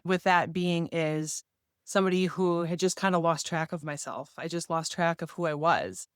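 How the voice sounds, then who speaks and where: Looking into the camera, a fortysomething fitness vlogger earnestly and casually recaps her fitness year. She has a fairly low pitch and clean tone, and the recording is dry with clean studio sound.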